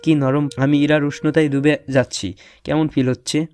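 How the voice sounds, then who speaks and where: A man's voice: fairly high pitch, level tone, moderate pace, darkish tone. A young man narrating an audio romance story in first person, playful and teasing. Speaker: narrator and lead voice actor.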